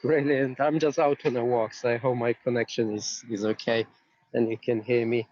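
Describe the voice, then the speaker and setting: A man's voice: medium pitch, level tone, normal speed, a little mellow, no echo, muffled recording. A man calling in from outdoors while on a walk, asking friendly, hesitant questions over a phone. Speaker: caller. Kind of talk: live online Q&A.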